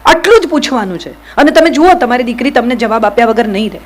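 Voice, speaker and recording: A woman's voice: on the high side, lively intonation, fast talker, rough recording. A woman giving a motivational speech to an audience, speaking directly and firing questions at the listeners. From Gujarat, India.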